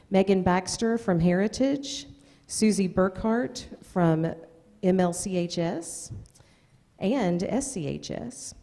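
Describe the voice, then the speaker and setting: A middle-aged American woman, a school district presenter, stands at a podium in an indoor meeting room and reads out award nominees' names at a public meeting, adding informal asides. Her voice is mid-range and mellow, picked up by a gooseneck podium microphone in an echoey hall with long reverb.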